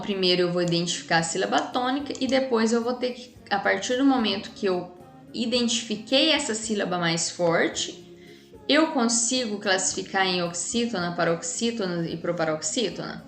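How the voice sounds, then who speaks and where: A Brazilian woman teaches children in a relaxed, chatty way, ending her points with quick tag questions. Her voice sounds roomy and echoey, with soft music playing underneath. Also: mid-range voice. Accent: Brazilian Portuguese. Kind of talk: casual classroom explanation. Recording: echoey room with faint music.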